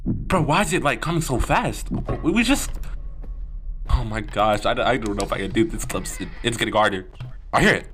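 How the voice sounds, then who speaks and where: A man's voice: mid-range voice, expressive, moderate pace, fairly bright tone. A scared young man doing casual horror game commentary with a friend, jumpy and swearing, prone to screaming. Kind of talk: casual gaming commentary with a co-player. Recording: noisy gaming mic with clicks.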